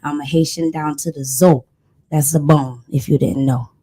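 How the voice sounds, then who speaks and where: A woman's voice: low-pitched, fairly even intonation, moderate pace, warm tone, husky. A woman singer from Newark, New Jersey, chatting as a podcast guest in a playful, exuberant way. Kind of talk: casual chat.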